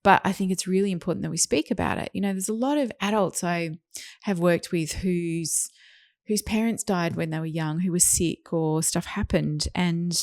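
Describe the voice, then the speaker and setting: A woman with a slightly low voice gives gentle parenting advice in an earnest, conversational way. She slips into short quoted lines as parents or kids, and the sound is close and dry. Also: normal speed, no room sound. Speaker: podcast guest, parenting educator. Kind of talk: conversational interview, explaining.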